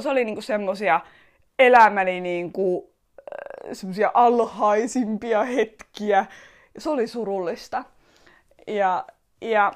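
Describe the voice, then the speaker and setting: A woman from Finland tells a personal story in a loose, conversational way. She circles back and restarts her sentences often. Her humor is wry and self-deprecating. Her voice sits at an ordinary middle pitch. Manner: chatty, rambling, lots of fillers and restarts.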